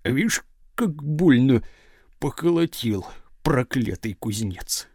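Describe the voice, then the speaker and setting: A man's voice: medium pitch, expressive, slow, gravelly, a little mellow, husky, dry recording, full character voice. Sly old village guy muttering and grumbling to himself, voice swings up and down, as a reader puts him on, dry sound. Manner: muttering to himself, wheedling and resentful.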